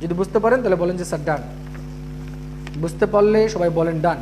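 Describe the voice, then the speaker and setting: A man's voice: sits high, normal speed, background noise. A man teaching an English grammar class, repeating each rule and often checking that students follow. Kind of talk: live online class.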